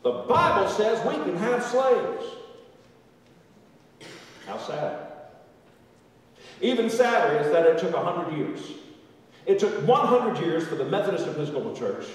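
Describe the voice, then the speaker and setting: A male pastor preaching a sermon, moving between raised emphatic lines and quiet low asides. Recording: echoey hall, distant from the mic.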